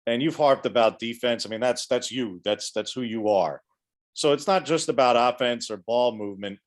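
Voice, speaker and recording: Male reporter, mid pitch, pointed probing questions. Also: normal speed. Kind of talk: press conference question.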